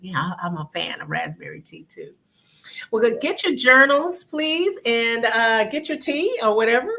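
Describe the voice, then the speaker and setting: A woman's voice: a little high, big pitch swings, normal speed, gravelly, bright, forceful tone. A woman co-hosting a livestream, upbeat and reading out viewer comments. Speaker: co-host.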